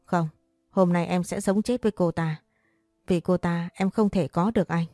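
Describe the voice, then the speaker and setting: A woman's voice: lowish voice, steady tone, moderate pace, no echo, studio quality, soft background music, close to an everyday voice. A woman voicing a jealous, threatening young woman in a read-aloud story. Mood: frantic. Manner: threatening, shouting.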